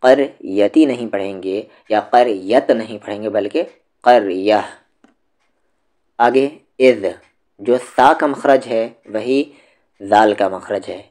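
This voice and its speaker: A man teaching Quranic pronunciation. He explains slowly and patiently, then says each word again to show how it should sound. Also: lowish voice, a little mellow. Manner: slow, patient, repeats each word to demonstrate it. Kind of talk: tajweed lesson, explaining and demonstrating pronunciation.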